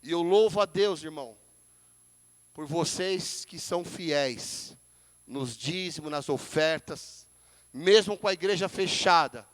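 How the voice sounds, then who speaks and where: High-voiced Brazilian pastor preaching in a hall. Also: male voice, a little slow. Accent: Brazilian Portuguese. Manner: emphatic, repeatedly addresses listeners as brother. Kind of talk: sermon.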